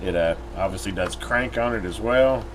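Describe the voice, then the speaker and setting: An American man with a low voice reviews a product casually and without a script, speaking at normal speed. He's recorded inside a metal building, with clear, steady background noise.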